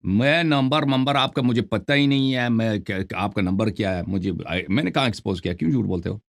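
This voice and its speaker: A man's voice: medium pitch, creaky. A male host on a live call-in show, scolding and accusing a caller and cutting in over him. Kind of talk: confrontational live call-in debate.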